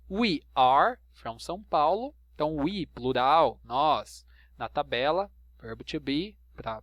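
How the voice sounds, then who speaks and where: Slow, patient Brazilian teacher, man. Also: on the high side, a bit bright, dry recording. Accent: Brazilian Portuguese. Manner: patient, checks understanding with frequent "ok?"; spells out English examples slowly, then translates. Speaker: English teacher. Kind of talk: online video lesson.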